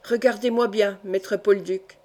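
A woman voicing a fierce, loyal young man who speaks low and distinct, close to her own voice. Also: steady tone, measured pace, mellow, lightly acted. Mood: threatening.

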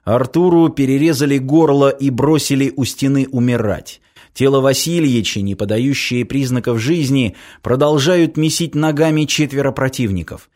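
A man narrating a dark action story in a measured, even scripted reading. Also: medium pitch. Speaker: audiobook narrator.

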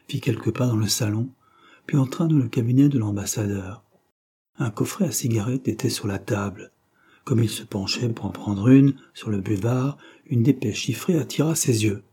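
A man narrating a romance novel in a measured, even storytelling manner. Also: lowish voice, slightly rough. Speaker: audiobook narrator.

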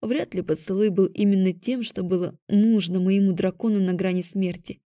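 Woman reading an audiobook, calm and even, mellow voice, dry close sound. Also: mid-range voice, moderate pace, no room sound. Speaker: audiobook narrator. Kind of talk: scripted first-person audiobook narration.

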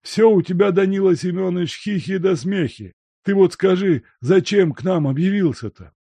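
A man voicing a fussy, grumbling old male house servant who laments and frets in a high, agitated voice. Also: normal speed, dark tone, husky, no room sound. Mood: fretful.

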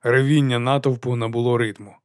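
A man reading a comic fantasy audiobook in an even storytelling voice. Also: mid-range voice, brisk, no echo, clean studio sound. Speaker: audiobook narrator. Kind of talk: scripted narration.

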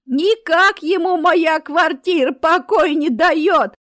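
A woman voicing a stubborn, sharp-tongued old lady who draws her words out slowly. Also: very high-pitched, no room sound, studio quality, voice pushed up, full character voice. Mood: indignant.

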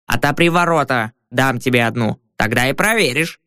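A man's voice: mid-range voice, normal speed, bright, forceful tone, clean tone, dry recording, clean studio sound, natural voice. A male audiobook narrator voicing a cheeky, cunning old peasant woman trader. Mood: sly, insistent. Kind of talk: audiobook character voice.

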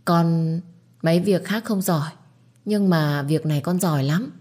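A woman's voice: on the low side, measured pace, mellow. Woman voicing a scheming girl: sweet-talking, wheedling. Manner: sugary, wheedling.

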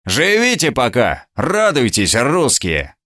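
A man's voice: mid-range voice, wildly swooping pitch, slow pace, bright, forceful tone, no room sound, studio quality, heavily acted. A man voicing a hostile, scornful gang leader who snarls threats in a menacing way. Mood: snarling threat.

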